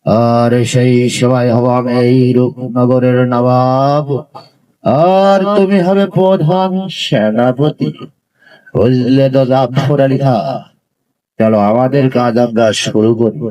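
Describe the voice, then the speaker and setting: A male stage actor playing a vengeful palace courtier in a Bengali folk melodrama, declaiming in a hammy, theatrical, drawn-out way. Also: medium pitch, fairly even intonation, warm tone, natural voice, low-quality recording. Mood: menacing, ambitious.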